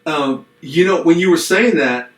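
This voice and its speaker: A man's voice: a little high, expressive, measured pace, a bit bright, recorded from a distance. A middle-aged man co-hosting a podcast as a pastor, talking in a reflective, rambling way with restarts and dry self-deprecating jokes. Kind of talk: casual chat. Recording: roomy echoey room.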